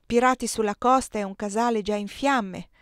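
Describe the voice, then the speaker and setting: A cautious, older manservant who weighs every point with measured reasoning, as a woman reads his lines. The voice sits in a mid range, with dry, close sound. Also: medium pitch, clear, resonant tone, no room sound, voice pushed up, close to an everyday voice.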